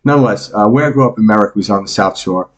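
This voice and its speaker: This low-leaning male voice comes fast and rapid-fire. He's a meditation teacher in his fifties from New York, guesting on a podcast and chatting casually, cracking jokes and using everyday examples to explain his ideas.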